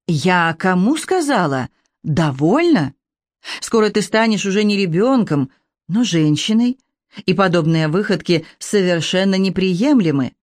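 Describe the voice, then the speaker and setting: Strict middle-aged mom, as the reader does her, firm and brisk, dry close sound. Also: mid-range voice, animated, dry recording, close to an everyday voice. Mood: stern. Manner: firm, scolding. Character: stern middle-aged mother, brisk and dismissive.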